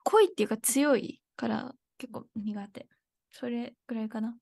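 Chatty young woman teaching, slightly high. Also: normal speed, gravelly, darkish tone, dry recording, studio quality. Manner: chatty, thinks aloud, laughs often. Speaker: Japanese teacher. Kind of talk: casual live online lesson.

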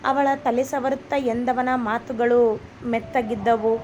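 A woman's voice: fairly high pitch, fairly even intonation, measured pace, a little mellow, slight background noise. A woman reading a family love story aloud as a storyteller, evenly voicing each character herself. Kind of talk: scripted story narration.

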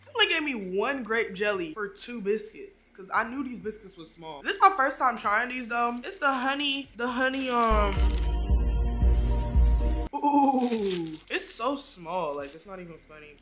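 A young woman chatting casually to camera while eating, slangy and quick to laugh. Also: fairly high pitch, pushed and bright. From Jamaican heritage. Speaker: vlogger. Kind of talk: casual mukbang chat. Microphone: phone or camera at arm's length.

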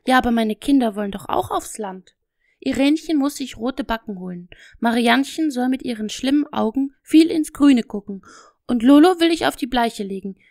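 A woman voicing a lively, eager little girl in a storybook, talking in an excited, pleading way. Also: on the high side, normal speed, no room sound, clean studio sound.

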